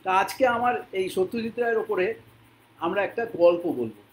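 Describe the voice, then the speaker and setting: Man from Bengal, English teacher, high voice, patient, repeats words for students, faint background noise. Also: rough recording. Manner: patient, repeats words slowly for learners to copy. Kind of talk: spoken English lesson in Bengali.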